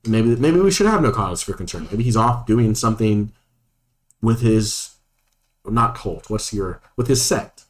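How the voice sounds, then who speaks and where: A man's voice: lowish voice, lively intonation, a little slow. A man playing a tabletop role-playing game, talking casually in a rambling way with lots of restarts. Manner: rambling, full of fillers and restarts.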